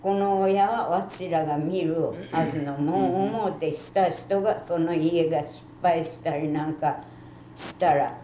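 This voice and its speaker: An elderly woman with a western Japanese accent, talking in a measured, politely old-fashioned way as she is interviewed about her life and views. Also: deep voice, warm tone. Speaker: oral history interviewee. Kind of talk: reminiscing interview talk. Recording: muffled, roomy, faintly noisy tape recording.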